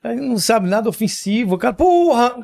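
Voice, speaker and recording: Lively older man with a Pará accent. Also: extremely high pitch, a little fast, gravelly. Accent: Pará Portuguese. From Pará, Brazil. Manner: lively storyteller, swears freely. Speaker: guest, former TV news presenter. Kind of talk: casual podcast chat.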